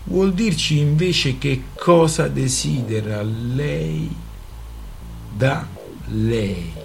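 A man voicing a bald, composed gentleman who speaks calmly and formally. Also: medium pitch, drawn-out words, vocal fry, faint music behind. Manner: calm, formal.

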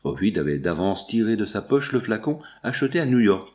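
A man reading a novel aloud as the narrator, in measured, even scripted narration. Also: fairly low pitch. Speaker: audiobook narrator.

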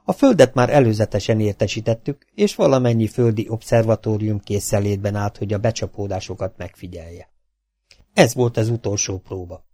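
A man with a Hungarian accent reading a science fiction audiobook in an even, measured way. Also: fairly low pitch, no room sound. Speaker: audiobook narrator. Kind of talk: scripted narration.

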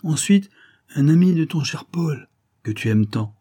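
A man's voice: fairly high pitch, animated, unhurried, warm tone, breathy edge, voice pushed up. A man reading aloud plays a cunning disguised adventurer who speaks with sure, commanding knowingness. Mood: urgent, insistent.

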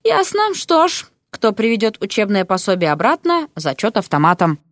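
A wry, curt male lecturer who snaps out decisions and dry remarks, as a woman reader puts him on. The reading is lively in pitch, recorded close and dry for an audiobook. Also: moderate pace, no room sound.

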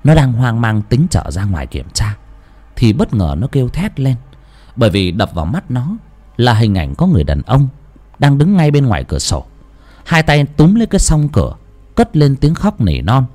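A man's voice: mid-range voice, huge pitch swings, normal speed, mellow. A man narrating a ghost story in a dramatic, suspenseful way.

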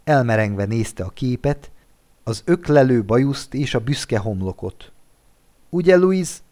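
A man reading a classic story aloud as an audiobook narrator, in a measured, calm storytelling way. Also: mid-range voice. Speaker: audiobook reader. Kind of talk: scripted narration.

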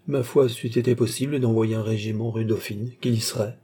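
Brief: mysterious nobleman in an audiobook, read by a man, suave and teasing, raised and emphatic, mellow and a little husky. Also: on the low side, steady tone, fairly quick. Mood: teasing, urgent. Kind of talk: audiobook character reading.

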